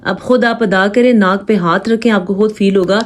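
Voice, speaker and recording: A woman with a Pakistani Urdu accent gives a patient, step-by-step Quran recitation lesson. Her talk is plain and explanatory, and she slows down to draw out the recited verses as examples. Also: mid-range voice, steady tone.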